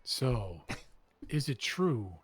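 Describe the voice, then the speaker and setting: A man in an improvised courtroom role-play, putting deliberate, formal, pointed questions. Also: medium pitch, sing-song, husky, no echo.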